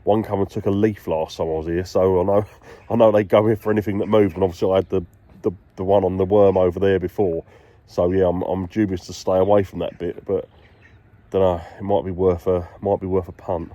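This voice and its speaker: Outdoors by the water, a British angler films a fishing vlog, chatting casually to camera and thinking aloud. His deep, level, warm voice moves briskly and sounds stuffy and congested from a cold. The recording is muffled, with no room sound.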